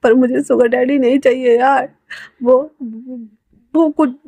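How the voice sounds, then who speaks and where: A woman playing a panicky young man, whining, high-pitched, dry recording. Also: steady tone, unhurried, mellow, no echo. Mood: whiny.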